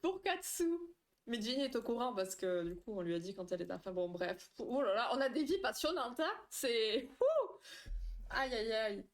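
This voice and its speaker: A woman's voice: fairly high pitch, animated, moderate pace. A young woman chatting casually with viewers on a live stream, laughing often and answering their comments. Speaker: live stream host, therapist.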